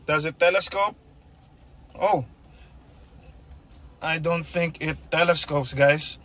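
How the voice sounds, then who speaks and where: A man's voice: on the high side, takes it slowly, sharp tone. A man giving an upbeat walkaround car review from inside a pickup's cabin, often calling his viewers guys.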